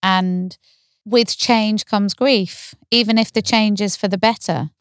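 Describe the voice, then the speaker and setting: A woman therapist co-hosting a podcast, talking calmly and reflectively, often explaining through gentle questions. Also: medium pitch, slow, clean tone, no echo, studio quality. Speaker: therapist, co-host. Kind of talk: podcast conversation.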